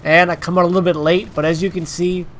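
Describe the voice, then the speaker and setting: A man's voice: high-pitched, flat delivery, quick pace, fairly bright tone. A man with a congested, stuffed-up nasal voice from allergies, hosting informal, emphatic gameplay commentary straight to his viewers. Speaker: gaming video host.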